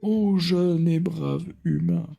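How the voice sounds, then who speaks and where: Man putting on a slow, very old man. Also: a little high, vocal fry, dark tone, soft background music, pitched above the performer's own voice, exaggerated voice. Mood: solemn, pleading. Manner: slow, solemn very old man's delivery. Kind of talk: voicing video game dialogue.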